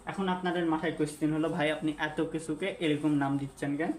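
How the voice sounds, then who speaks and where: A man's voice: fairly high pitch, steady tone, fairly quick. A man teaching an English grammar lesson at a whiteboard, asking the class questions and repeating the key points. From Bangladesh. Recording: echoey room, faint background hiss.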